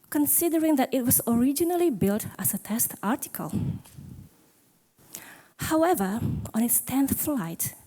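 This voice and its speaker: A middle-aged woman with a warm, medium-pitched voice speaks at a conference in a hall, captured on a rough recording. Her talk is self-deprecating, full of jokes at her own expense and questions to the audience.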